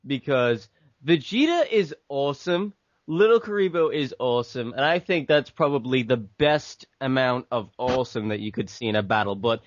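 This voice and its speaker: A man's voice: mid-range voice, expressive, moderate pace, dry recording. A man chats casually about making his fan abridged series, wandering through his points with plenty of fillers. The sound is dull and lo-fi, and dry with no room around it. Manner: rambling, filler-heavy, laughs often. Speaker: abridged series creator and voice actor. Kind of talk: casual interview chat. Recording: dull lo-fi voice chat audio.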